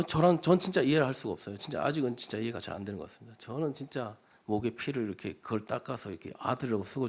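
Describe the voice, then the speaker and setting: A man's voice: mid-range voice, darkish tone. A man preaching a sermon to his congregation in a conversational way, often asking the listeners questions and acting out quoted speech with emphasis. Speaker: church evangelist preaching.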